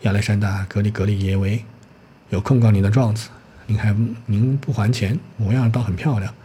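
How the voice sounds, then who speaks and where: A bossy police lieutenant barks orders with pompous irritation, as a male narrator puts him on. The voice stays low and mellow over faint background noise. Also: steady tone, a little fast, natural voice. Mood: blustering.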